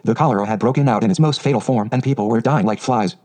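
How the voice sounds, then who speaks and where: Guy reading an audiobook fast, warm mellow voice. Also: medium pitch, low-quality recording. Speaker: narrator. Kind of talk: audiobook narration.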